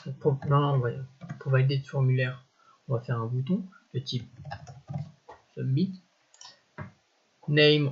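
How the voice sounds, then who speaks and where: A man talks through a coding tutorial in a relaxed, halting way, correcting himself as he goes and dropping quick interjections between steps. His voice is somewhat husky. The recording sounds a little dull and lo-fi. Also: medium pitch. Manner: thinks aloud, peppered with "voilà" and "hop"; self-correcting, halting phrasing. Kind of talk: casual screen-recorded coding walkthrough.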